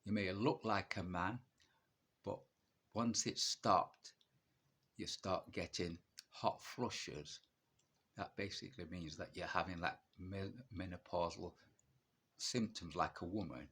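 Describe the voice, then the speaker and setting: A man in his early sixties speaks in a blunt, defiant monologue, putting questions to himself and answering them flatly. His voice is husky and sits a little low. He often repeats a word as he restarts a thought. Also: slow. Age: 60s. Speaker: vlogger sharing his illness. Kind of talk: direct-to-camera monologue.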